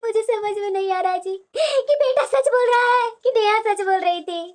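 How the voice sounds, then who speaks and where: Woman acting an older mother, anxious, coaxing, cartoon story, very high voice. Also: moderate pace. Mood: grieving. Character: worried older mother-in-law, soothing and fretful.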